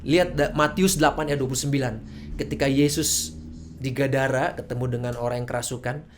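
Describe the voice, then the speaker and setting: A woman's voice: extremely low pitch, fairly even intonation, fairly quick, slight background noise. A woman preaching a sermon in a church service, casual and conversational, often asking rhetorical questions.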